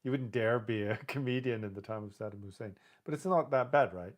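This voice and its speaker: A man's voice: fairly low pitch, fairly quick. Rambling man in a casual livestream. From lives in Canada. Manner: rambling, conversational, with many fillers like "you know" and "right"; laughs now and then while talking. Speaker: livestream host.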